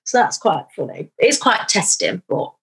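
A woman's voice: fairly low pitch, big pitch swings, normal speed, a bit bright, husky. A young woman, an actor, chatting candidly in an interview and telling stories about herself with self-deprecating humour. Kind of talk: casual interview chat.

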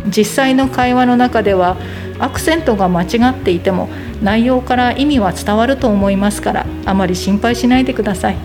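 A woman teaching a language lesson in a slightly high voice, repeating example phrases carefully and clearly. Music plays clearly behind her. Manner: slow, careful demonstration of word accents.

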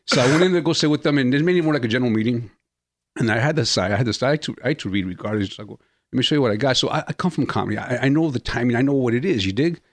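Fast-talking laid-back man in slang. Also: mid-range voice, lively intonation, no echo. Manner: laid-back street slang, lots of "bro" and "you know". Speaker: actor guest. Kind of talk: casual interview chat.

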